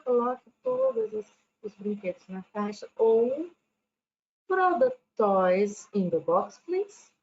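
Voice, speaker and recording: A woman teaches an English lesson at an unhurried pace, explaining patiently and often checking in with "né?". She reads English example sentences slowly and carefully, at a middling pitch. The recording sounds dull and lo-fi, with a faint background hiss. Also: a little mellow.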